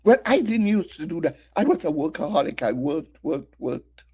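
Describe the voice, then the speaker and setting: A woman's voice: deep voice, sing-song, moderate pace, mellow, slightly rough. A middle-aged woman preaching a Mother's Day sermon, asking her listeners many rhetorical questions and sharing her own story. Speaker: women's ministry speaker.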